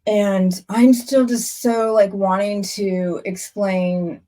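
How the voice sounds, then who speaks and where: A woman's voice: medium pitch, steady tone, slow, dark tone. A woman hosting a casual podcast conversation, talking earnestly in long rambling stretches with frequent restarts. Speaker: podcast host. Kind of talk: casual chat.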